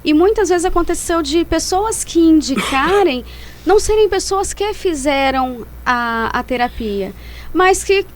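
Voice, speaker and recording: A woman's voice: very high-pitched, lively intonation, unhurried, slight background noise. A woman speaking as a psychologist guest in an interview, explaining things and rephrasing as she goes.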